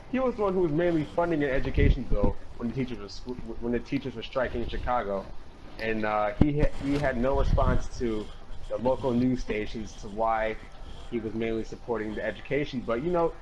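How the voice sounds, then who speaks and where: Male parody talk-show host, mid pitch, faint hiss behind, rambling and stuttery improv. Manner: rambling, filler-heavy, repeats words. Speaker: mock political panel host.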